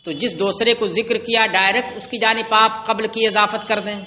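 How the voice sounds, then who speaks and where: Bright sharp-voiced man teaching a class, keeps asking "samjhe?", long echo of a big hall. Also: high voice, flat delivery. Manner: explains step by step, asks the class check questions. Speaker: teacher of Islamic jurisprudence. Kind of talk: classroom lecture explaining a legal text.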